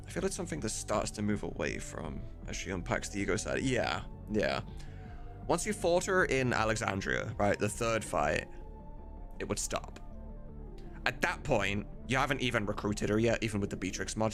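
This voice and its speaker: With a fairly low pitch and noticeable vocal fry, a man chats casually during a livestream, thinking out loud enthusiastically and with emphasis, swearing mildly now and then. Music plays in the background; he's a streamer and a game mod's voice director.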